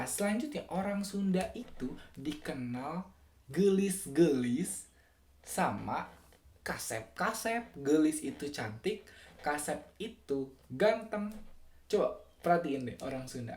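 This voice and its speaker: Lively young man in an echoey room. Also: on the high side. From West Java, Indonesia. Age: young adult. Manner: animated, laughs often, sing-song imitations of phrases. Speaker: student podcaster. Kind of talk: casual solo podcast talk.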